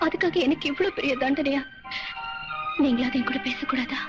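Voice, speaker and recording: A woman's voice: sits high, brisk, highs cut off, over music, natural voice. An actress playing a hurt, lonely young woman student in a 1990s film drama, pleading to be spoken to. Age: young adult. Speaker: college student.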